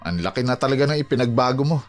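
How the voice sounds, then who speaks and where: A man's voice: mid-range voice, animated, rapid-fire, close to an everyday voice. An actor playing a blunt, concerned coworker who pleads with his friend. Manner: earnest, pleading, plain-spoken. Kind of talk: audio drama acting. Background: music.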